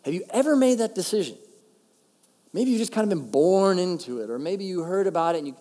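A man delivers a sermon in a chatty, emphatic way, slowing down to drive home key phrases. His voice sits a little high for a man. Long reverb from a large church hall trails each phrase. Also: expressive, dark tone. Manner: conversational, emphatic, slows down to stress key phrases. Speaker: pastor.

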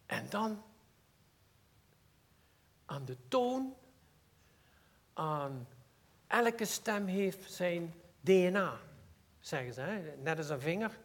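A man with a Limburg Dutch accent preaching a sermon, earnest and personal, swinging between loud emphasis and quiet asides. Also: sits high, animated, extremely slow, pauses often.

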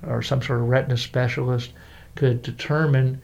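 A man with a gravelly, creaky voice talks in a relaxed, folksy way. He circles back on himself often, restarting phrases and filling gaps with "uh" as he works his point out loud. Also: mid-range voice, muffled recording. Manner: rambling, halting with many restarts and fillers. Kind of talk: casual radio chat.

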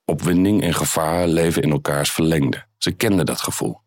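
A man reading his own crime story aloud in a calm, measured way. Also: rumbling low, no echo, clean studio sound.

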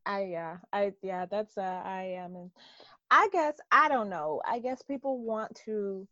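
A woman's voice: medium pitch, animated, a little slow, bright, forceful tone, no room sound, muffled recording. A woman from Detroit talking in a casual, earnest and rambling way. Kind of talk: casual conversation.

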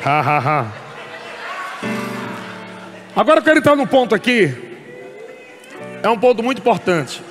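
Man, pastor, sermon, animated, shouting, church music behind. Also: extremely high pitch, fairly quick. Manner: animated, shouting, laughing often.

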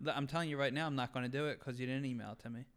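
A man's voice: mid-range voice, fairly even intonation, rapid-fire. A man co-hosting a casual podcast, joking and blunt, swearing freely. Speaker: co-host. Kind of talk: casual chat.

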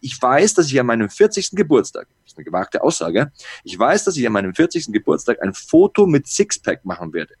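A man's voice: mid-range voice, wildly swooping pitch, a little fast, a little mellow, breathy edge, dry recording. A man in his late thirties co-hosting a podcast, talking earnestly and reflectively in casual chat. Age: 30s. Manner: reflective, earnest, listing things off. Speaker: podcast co-host.

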